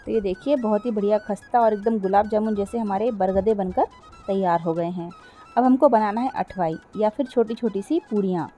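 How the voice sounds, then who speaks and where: Mellow-voiced woman chatting through a cooking vlog. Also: medium pitch, fairly quick, faint music behind. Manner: chatty, explains step by step, often addresses viewers. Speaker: cooking vlogger. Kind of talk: casual voice-over cooking vlog.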